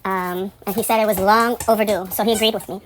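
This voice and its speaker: With some background noise behind her, a woman talks at a quick pace in fairly even intonation, telling a wandering, profane story. When indignation takes over, her voice rises high and loud.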